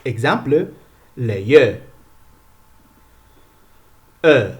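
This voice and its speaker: Slow, deliberate male pronunciation teacher. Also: medium pitch, expressive. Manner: repeats each sound slowly and clearly.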